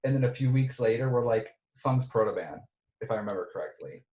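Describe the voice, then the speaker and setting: A man's voice: fairly low pitch, lively intonation, a little fast, warm tone. A man reminiscing about casting in a casual reunion chat, rambling with many restarts and fillers. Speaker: director and writer. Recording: roomy echo.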